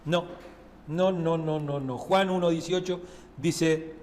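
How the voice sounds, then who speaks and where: A man's voice: a little high, fairly even intonation, slow pace, darkish tone, in a large hall, slight background noise. A man with a Rioplatense Spanish accent preaching a sermon, talking to the congregation in a conversational way and often checking in with tag questions. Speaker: pastor. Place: church sanctuary.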